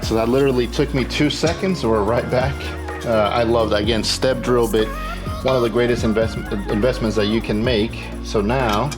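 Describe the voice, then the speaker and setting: Over music, a man with a mid-range voice, fairly even intonation, and normal speed hosts a casual car modification tutorial. He thinks aloud informally while working hands-on through an installation.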